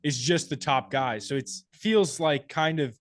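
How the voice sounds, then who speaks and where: Man, podcast co-host, casual sports chat, slightly high pitch, dead dry recording. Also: no room sound. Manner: thinks aloud, restarts phrases, measured opinions.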